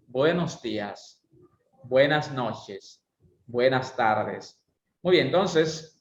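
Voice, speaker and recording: A man's voice: on the high side, muffled recording. Man teaching a voice class, roomy sound. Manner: didactic, asks rhetorical questions. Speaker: voice and speaking instructor. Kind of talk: online class lecture with exercises.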